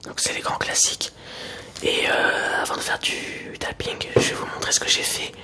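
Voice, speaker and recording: Man whispering softly in hushed ASMR style. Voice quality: soft, breathy whisper. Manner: hushed library whisper, hesitant and unhurried. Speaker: ASMR video creator. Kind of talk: whispered ASMR, casual chat.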